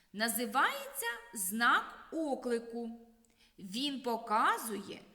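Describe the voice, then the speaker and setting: A woman with a high voice leads a children's literacy lesson at an unhurried pace. Her sing-song teacher delivery swoops up and down. The recording has a roomy, echoing sound with a long reverb tail. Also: pushed and bright. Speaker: primary school teacher. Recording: echoey room with long reverb.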